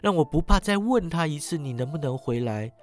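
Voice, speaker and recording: A man's voice: on the high side, animated, brisk, lightly acted. A man voicing a loving little girl who speaks eagerly and tenderly to her older brother, in a told story. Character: sweet little girl, loving younger sister. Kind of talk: storytelling narration.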